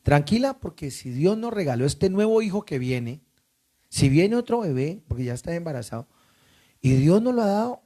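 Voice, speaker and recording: A man's voice: a little high, big pitch swings, moderate pace, warm tone. A man from Colombia who pastors a church, preaching emphatically and asking the congregation questions.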